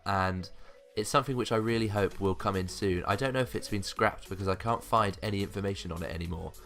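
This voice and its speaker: A man with a low-pitched voice narrates a countdown list for a gaming video. He sounds keen and hopeful as he comments on each item. Soft music plays behind his voice-over. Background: background music.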